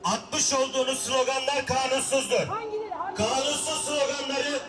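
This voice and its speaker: A man's voice: very high voice, steady tone, a little slow. A male police officer making a stern, commanding announcement through a megaphone to a crowd gathered at a park, heard from a distance outdoors. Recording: echoey megaphone call heard from afar, music behind.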